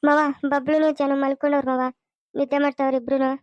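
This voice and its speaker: A caring young daughter-in-law, voiced by a woman, speaks in a comforting, fairly high and even voice. The cartoon track is dull and dry. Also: quick pace, no room sound, natural voice. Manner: comforting, pleading.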